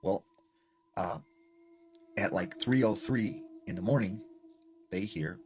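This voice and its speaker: A man casually retelling a scary story, rambling with filler words and dropping quiet at the tense parts. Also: lowish voice, slow pace, slight background noise.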